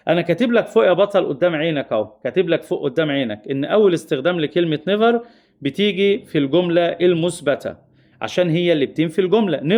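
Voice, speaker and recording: A man with an Egyptian Arabic accent teaching English grammar. He repeats his key points and keeps calling his students heroes and dears. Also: on the high side. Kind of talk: exam-prep grammar lesson.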